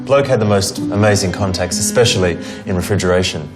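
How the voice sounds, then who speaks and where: A man's voice: low voice, quick pace, over music, lightly acted. An actor playing a boastful, cocky salesman. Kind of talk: period TV drama acting.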